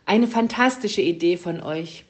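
A woman's voice: on the low side, measured pace, lightly acted. A woman voicing a cheerful, helpful young female gnome in a children's story.

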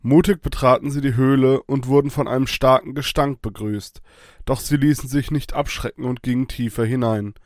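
Guy reading a kids' adventure story, calm, dry close sound. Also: mid-range voice, no room sound. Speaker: narrator.

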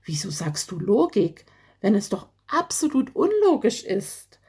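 A woman's voice: mid-range voice, very animated, measured pace, mellow, slightly rough, heavily acted. A woman voicing an amused, teasing man in a children's audio story. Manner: teasing, laughing.

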